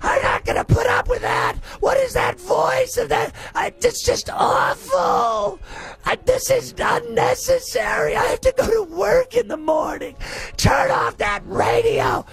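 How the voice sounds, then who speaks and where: A man voicing a fed-up wife who yells shrill complaints in a high, scratchy voice. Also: unhurried, soft background music, heavily acted. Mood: exasperated. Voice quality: scratchy, gravelly. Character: fed-up shrieking wife, adult woman, nagging.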